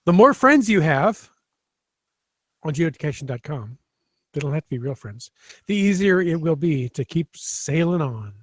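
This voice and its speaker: A man co-hosting a casual podcast who talks in a wry, teasing way and rambles now and then. His voice sits a little high. The recording is dry and close. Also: big pitch swings, unhurried, long pauses, fairly bright tone, no echo. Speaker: podcast co-host. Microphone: video call.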